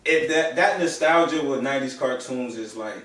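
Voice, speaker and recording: Male co-host, easygoing and quick to agree, very echoey room, sitting back from the mic. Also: mid-range voice, distant mic, a little hiss or hum. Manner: relaxed, slangy, quick to chime in and agree. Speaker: podcast co-host. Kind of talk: casual podcast chat.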